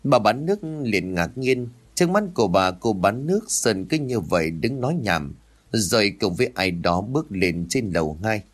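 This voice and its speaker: A man's voice: lowish voice, sing-song, moderate pace. A man narrating a ghost story in a dramatic, suspenseful way.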